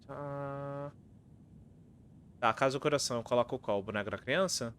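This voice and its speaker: Brief: Brazilian male streamer, mid-pitched voice, reads puzzle text aloud, faint hiss. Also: normal speed. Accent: Brazilian Portuguese. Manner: reads riddles aloud and thinks out loud. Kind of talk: live gameplay commentary.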